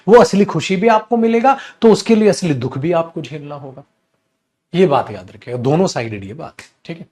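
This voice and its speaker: Animated male teacher. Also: high voice. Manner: animated, addresses students as son and brother. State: feverish. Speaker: exam-prep English teacher. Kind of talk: classroom lecture.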